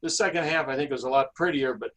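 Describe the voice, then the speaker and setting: A man with a medium-pitched voice talks casually to a group. He goes along haltingly, often repeating a word before carrying on. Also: a bit bright. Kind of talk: casual trip recounting.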